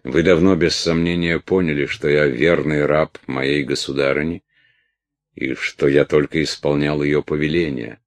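Man doing a scheming count, very low voice, coaxing, measured, dry sound. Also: fairly even intonation, no room sound.

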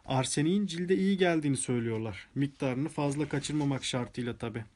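A man voicing a sarcastic, dry-humored gentleman in an audiobook. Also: medium pitch, fairly quick, close to an everyday voice. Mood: wry. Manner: dry, joking.

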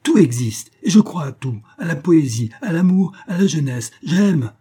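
A man's voice: on the high side, big pitch swings, takes it slowly, dark tone, slightly rough, voice pushed up, heavily acted. A man voicing a distraught, idealistic young male student, speaking in anguished outbursts in a storybook reading.

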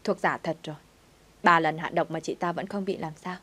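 A woman's voice: fairly low pitch, fairly even intonation, fairly quick, a bit bright, slightly rough. A woman reading the lines of a scheming, bitter young woman in a told story.

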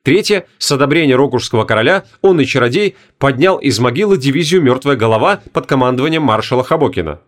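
Expressive male audiobook narrator. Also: medium pitch, quick pace, few pauses. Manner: expressive storytelling.

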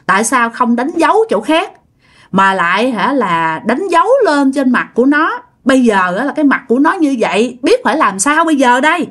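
A woman's voice: high-pitched, big pitch swings, normal speed, a bit bright, voice pushed up, exaggerated voice. A woman voicing an angry village mother who shrilly scolds the couple who marked her baby. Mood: furious.

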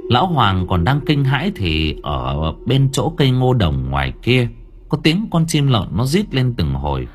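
A man narrating a horror story in a dramatic, expressive way. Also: medium pitch, measured pace. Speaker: audiobook narrator. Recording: faint background music.

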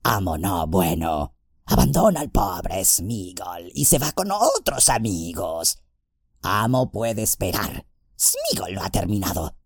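A man reading an audiobook and voicing a wretched old creature who hisses and mutters to himself, with a raspy, gravelly voice. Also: huge pitch swings, takes it slowly, dry recording, studio quality, full character voice. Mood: sulky. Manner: muttering to himself, wild swoops of pitch. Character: wretched old male creature, hissing, fawning, vicious. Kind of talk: audiobook character voice.

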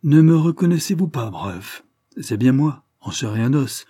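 A man voicing a grave, commanding aristocratic lord near death, who speaks in a measured, solemn way. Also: medium pitch, expressive, warm tone, husky, no room sound, studio quality, voice pushed up.

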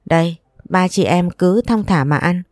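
A woman voicing a sharp-tongued middle-aged mother and grandmother, in a read-aloud family story. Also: lowish voice, a little slow, no room sound, natural voice. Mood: doting.

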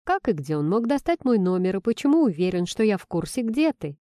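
A woman's voice: mid-range voice, big pitch swings, fairly quick, warm tone, no echo, studio quality, natural voice. A woman reading an audiobook, voicing a blunt, teasing young female friend who talks sardonically and earnestly. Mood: mocking. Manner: sardonic, pointed, then earnest.

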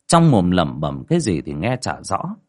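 A man narrating a spoken ghost story in a dramatic way. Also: normal speed. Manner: dramatic, lively pitch.

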